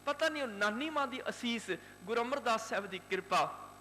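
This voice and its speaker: A fervent male Sikh preacher from Punjab, India, telling a religious story with rhythmic emphasis. His voice is high and bright. He is recorded with the long reverb of a large prayer hall and a faint hum behind him. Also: expressive, brisk, soft background music.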